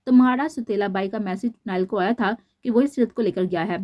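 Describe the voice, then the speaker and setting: A woman's voice: medium pitch, darkish tone, close to an everyday voice. A woman voicing a serious, worried young man who speaks urgently, read from a storybook.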